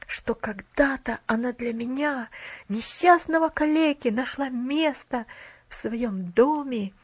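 A woman reading aloud, voicing an earnest, emotional young man on crutches who sometimes drops to a hush. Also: high-pitched, no echo, muffled recording.

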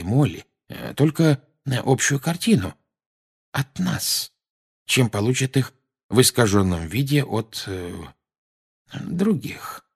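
A man with a husky voice reading aloud, playing a calm, reasonable grown wizard who speaks in a measured, gently firm way. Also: medium pitch, voice pushed up, exaggerated voice.

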